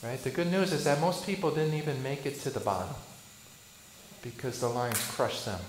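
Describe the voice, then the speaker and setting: A male Lutheran pastor preaching a sermon. He asks rhetorical questions and swings between loud bursts and hushed lines. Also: mid-range voice, normal speed, reverberant, slight background noise, rough recording.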